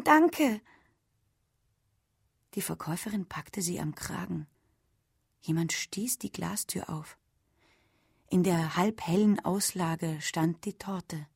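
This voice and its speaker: A woman reading a literary story aloud, softly and at times almost whispering. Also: on the low side, slightly rough, dry recording, clean studio sound. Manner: slow, soft, sometimes near a whisper. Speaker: reader.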